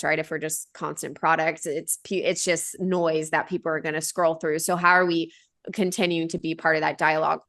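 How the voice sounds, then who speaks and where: A company founder in her thirties, appearing as a podcast guest, answers interview questions in a deep, slightly bright voice. Her manner is earnest and conversational, full of fillers and restarts.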